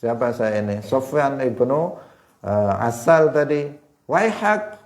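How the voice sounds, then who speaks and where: A man with an East Javanese accent teaching a hadith lesson to students, explaining slowly with rhetorical questions and frequent fillers. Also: mid-range voice, darkish tone, a little hiss or hum. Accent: Indonesian, East Javanese. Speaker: religious teacher.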